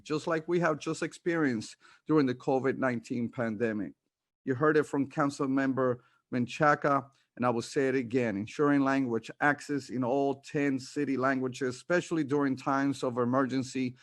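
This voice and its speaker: A medium-pitched man from the Bronx, New York City, chairs a city council committee at a remote video hearing from home or an office. He reads a prepared formal opening statement, restarting occasionally, through a computer mic on a dry-sounding recording.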